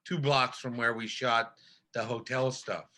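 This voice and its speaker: A man's voice: mid-range voice, steady tone, measured pace, sharp tone. An older male actor, a podcast guest, telling stories in a casual, rambling way with many restarts.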